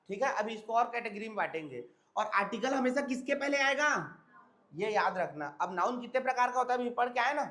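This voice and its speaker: Hoarse male teacher drilling a class. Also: sits high, sharp tone. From India. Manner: repeats check-in questions to students. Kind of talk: classroom grammar lecture.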